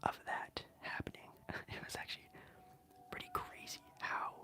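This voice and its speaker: An ASMR streamer whispering softly and chattily while answering live chat questions. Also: normal speed. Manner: soft, unvoiced whisper with chatty fillers.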